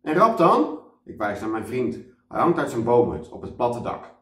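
A man, a children's author, reading a children's story aloud as a lively storyteller. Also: fairly low pitch, normal speed. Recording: echoey room, mic at a distance.

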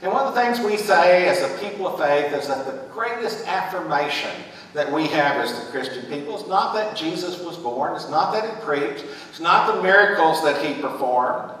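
A middle-aged man, a pastor, telling a story in a sermon with animated gestures in a large church sanctuary. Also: fairly high pitch, moderate pace, slight background noise. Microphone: distant room mic. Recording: echoey sanctuary from far off.

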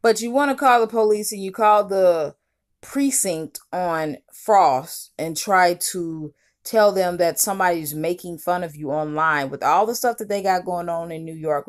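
A woman talking with open scorn as she comments on clips, her voice pitched in an ordinary middle range. She lectures and mocks in a steady stream of reaction commentary. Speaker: YouTube commentator.

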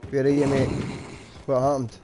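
A man's voice: medium pitch, monotone, moderate pace, dark tone, a little hiss or hum. A man streaming a game, swearing and joking with friends over a headset. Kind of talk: casual gaming party chat.

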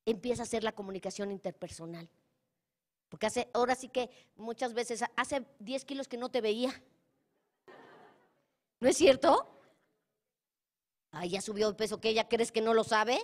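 A middle-aged Mexican woman, speaking somewhat high, gives a motivational talk to a live audience. She is colloquial and lively and teases the listeners with direct questions. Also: a little fast. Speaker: conference speaker.

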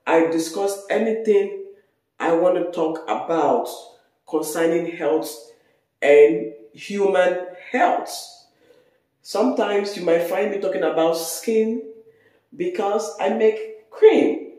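A woman in her thirties with a Nigerian accent, chatting casually on her vlog, hoarse, congested and tired. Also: fairly low pitch, slow, dark tone. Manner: chatty, rambling. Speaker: vlogger. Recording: very echoey room.

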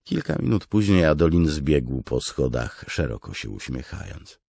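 A man narrates a fantasy novel in a measured, steady reading. His voice is extremely deep and gravelly, with a husky edge, recorded close in a dry studio. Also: no echo. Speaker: audiobook narrator.

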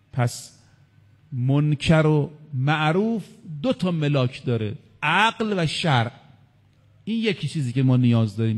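A man's voice: fairly high pitch, long reverb tail. A male cleric giving a religious lecture. He counts his points aloud and quotes Arabic sayings. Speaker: cleric preacher.

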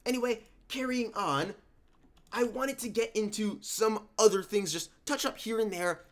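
A man's voice: high-pitched, moderate pace. A young man with a sick voice, giving rambling, casual voice-over commentary for his gaming channel from home. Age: young adult. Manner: rambling, conversational, restarts. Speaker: gaming YouTuber.

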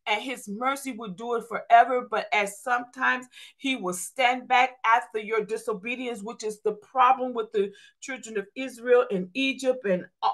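A woman with a fairly high, fairly bright voice preaches a church sermon. She reads scripture, unpacks it in homespun, informal talk, and calls out to the congregation.

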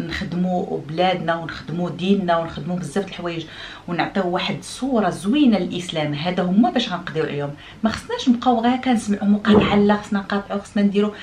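Rapid-talking Moroccan woman vlogger. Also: medium pitch, slight background noise. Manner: chatty, explaining and demonstrating, French words mixed in. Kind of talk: casual chat to viewers.

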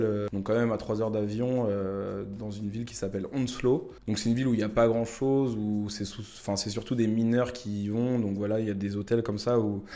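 Casting: young male vlogger, low voice, loose chatty storytelling with lots of fillers. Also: dark tone. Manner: chatty, many fillers, addresses viewers directly. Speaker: YouTuber telling travel anecdotes. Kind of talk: casual storytelling to camera.

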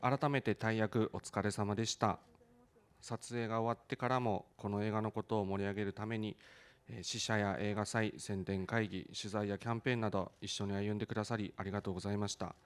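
A man with a somewhat low voice reads a letter aloud on a theater stage at a film event. He speaks earnestly and steadily, pausing now and then. It sounds sincere and a little stiff. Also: steady tone, smooth. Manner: earnest, measured, slightly halting. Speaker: film director.

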